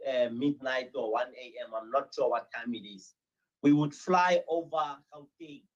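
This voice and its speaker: A South African man answering as an interview guest, telling anecdotes with frequent "uh" pauses. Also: a little high, highs cut off. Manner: hesitant, many "uh"s, steady storytelling. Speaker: interview guest, crime-prevention ambassador.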